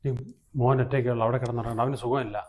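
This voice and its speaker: A man in an acted family drama who talks quickly in a mid-range voice, gentle and coaxing with a child, then defensive in an argument. His lines tumble out fast and urgent. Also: mid-range voice, little pitch movement. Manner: soothing, pleading with a child and arguing back. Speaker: father in a family web drama. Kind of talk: acted web series dialogue.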